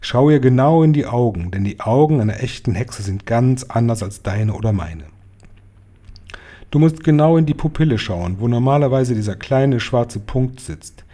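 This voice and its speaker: A man's voice: mid-range voice, expressive, moderate pace, warm tone, natural voice. A man doing a grave old grandmother. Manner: grave, matter-of-fact warnings. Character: stern, knowing old grandmother.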